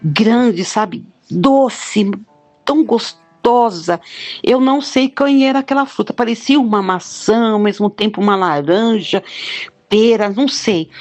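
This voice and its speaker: A woman's voice: medium pitch, darkish tone. A middle-aged woman, giving a heartfelt, plain-spoken personal testimony. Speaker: guest telling a near-death experience.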